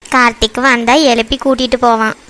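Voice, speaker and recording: Cartoon: woman voicing a soft-spoken, caring village woman, high voice. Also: flat delivery, fairly quick, slight background noise. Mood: gentle. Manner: gentle, soothing. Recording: soft music underneath.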